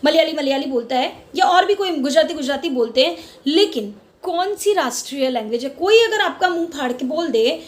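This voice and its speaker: This middle-aged Indian woman, who lives in Mumbai, runs her own vlog where she gives passionate, casual opinions in Hindi laced with English, often repeating words for effect. Her high, animated voice moves briskly with few pauses.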